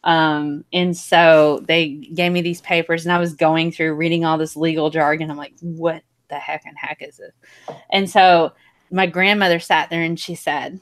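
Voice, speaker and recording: Speaking at a moderate pace, a low-pitched young woman with flat delivery joins a group video call as a panel guest. She recounts something from her own life in a lively way, often breaking into laughter and cursing when things heat up.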